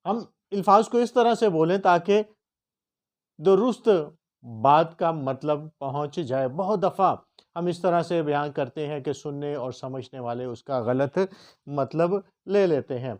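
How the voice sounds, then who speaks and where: A man from Punjab, giving a motivational lesson and slowing down to spell out how words are pronounced. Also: a little high, a little mellow. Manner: emphatic, slows to spell out word pronunciations. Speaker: teacher.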